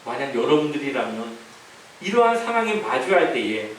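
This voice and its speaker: A man preaching a sermon as a pastor, telling a story with dramatic pauses and soft trailing phrase ends. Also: medium pitch, sing-song. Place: church sanctuary. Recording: echoey hall from far off, faint hiss.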